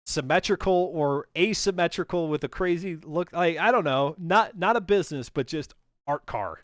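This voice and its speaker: A man's voice: on the high side, animated, normal speed, no echo. A man hosting a racing stream, chatting casually and joking, often restarting his sentences and laughing. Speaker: stream host.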